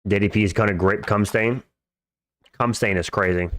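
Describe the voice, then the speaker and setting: A man's voice: lowish voice, fairly even intonation, moderate pace, a bit bright, dry recording, clean studio sound. A man hosting a livestream, chatting casually in slangy frat-bro talk as he reads out and answers viewer comments. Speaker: livestream host.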